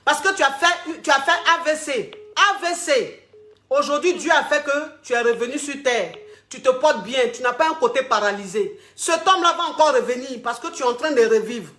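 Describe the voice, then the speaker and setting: A woman hosts a call-in advice show as a relationship coach. She scolds and lectures her callers bluntly, lacing her advice with mocking insults. Her voice sits fairly high and carries a roomy echo. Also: lively intonation, moderate pace, fairly bright tone.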